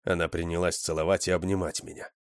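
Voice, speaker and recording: Guy reading an audiobook, lowish voice, expressive, dry close mic. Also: quick pace, clear, resonant tone, dry recording. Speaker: narrator. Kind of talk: audiobook narration.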